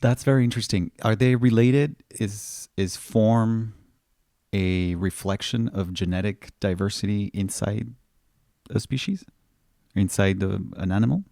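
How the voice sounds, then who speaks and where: Male interviewer, very deep voice, gravelly, curious follow-ups, dry close sound. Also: unhurried, dark tone, no room sound. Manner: curious, asks short follow-up questions. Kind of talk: interview questions.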